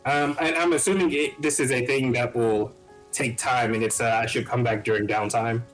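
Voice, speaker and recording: A man playing a tabletop game, talking in a halting, hesitant way and stumbling over his words as he goes. His voice sits in a mid range, with faint music underneath. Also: mid-range voice, fairly even intonation, fairly bright tone, poor audio. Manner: hesitant, full of ums and restarts. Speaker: player. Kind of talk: casual tabletop play.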